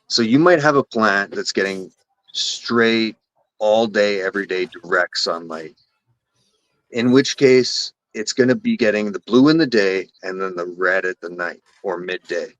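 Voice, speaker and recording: A man's voice: fairly low pitch, fairly bright tone, no room sound, highs cut off. A man with a Canadian accent, a guest on a casual live stream, talking in rambling, self-correcting runs and swearing casually. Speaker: guest cannabis breeder.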